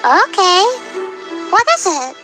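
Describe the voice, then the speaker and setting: A woman's voice: very high voice, lively intonation, slow pace, music in the background, heavily acted. A woman voicing a small, thoughtful young creature in a fan cartoon.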